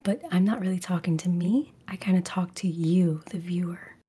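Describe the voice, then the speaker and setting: A woman's voice: lowish voice, fairly even intonation, moderate pace, dark tone, slightly rough. A woman who makes ASMR videos, answering interview questions mostly in a whisper, with lots of "like" and "you know".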